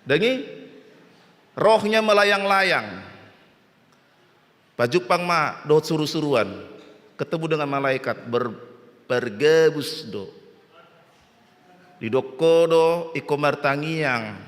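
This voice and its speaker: Batak-accented male pastor, lively sermon, bright high voice, reverberant hall. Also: takes it slowly, long pauses. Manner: animated preacher, mixing languages, acting out voices in a story. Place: church hall. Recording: long church hall reverb.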